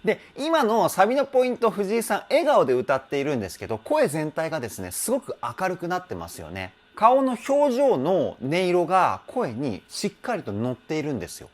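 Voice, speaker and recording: Speaking briskly with hardly any pauses, this man has a high voice that swoops wildly in pitch. As a vocal trainer he casually analyses a singer's technique, laughing often, making fun of himself, and humming the melody's phrases.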